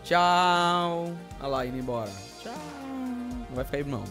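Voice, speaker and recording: A young man with a Brazilian accent, streaming and reacting excitedly with lots of slang and exclamations. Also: high voice, measured pace, over music. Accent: Brazilian Portuguese.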